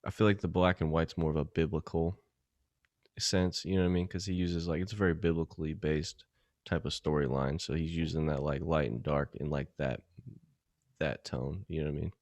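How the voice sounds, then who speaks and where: A young man with a very deep voice chatting on a podcast, recorded close and dry. His speech is loose and casual, peppered with "like" and "you know what I mean.". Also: fairly even intonation, brisk, a little mellow, dry recording. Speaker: podcast co-host.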